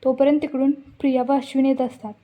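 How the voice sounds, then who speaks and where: A woman retells a TV serial episode in a casual, unscripted way, often stopping to restart her sentences. Her voice sits high. The recording is muffled and lo-fi. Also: flat delivery, quick pace. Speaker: narrator recapping a TV serial. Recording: dull lo-fi recording.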